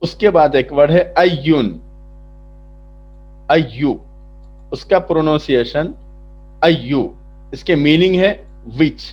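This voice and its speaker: A man teaching from a chart, slowly explaining each word and asking then answering his own questions. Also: fairly high pitch, slightly rough. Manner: slow, repetitive explaining, asks then answers. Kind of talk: lesson explaining a vocabulary chart. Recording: dull lo-fi sound.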